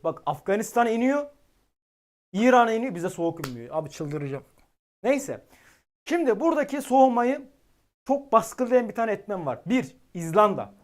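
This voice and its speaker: A man giving live-stream weather commentary, excitable and exasperated, talking directly to his chat. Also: sits high.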